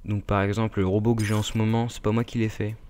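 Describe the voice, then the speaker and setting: A French-accented man chats loosely over his gameplay, stopping and restarting his sentences and talking straight to his viewers. His voice sits a little low for a man. The talk stays relaxed and unscripted throughout. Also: quick pace, background noise. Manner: rambling, filler-heavy, addresses viewers directly. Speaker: gaming YouTuber. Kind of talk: casual gameplay commentary.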